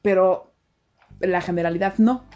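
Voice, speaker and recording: A young adult woman with a Mexican accent, talking casually as a co-host, animated and quick to laugh. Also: on the low side, dull audio, soft background music. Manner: animated, laughs often, acts out quoted reactions. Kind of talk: casual chat.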